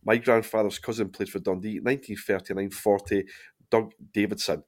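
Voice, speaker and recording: A man's voice: lowish voice, steady tone. Bantering Scottish man in his thirties. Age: 30s. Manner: bantering, quick laugh, reads listener questions. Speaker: podcast host. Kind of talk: casual podcast chat.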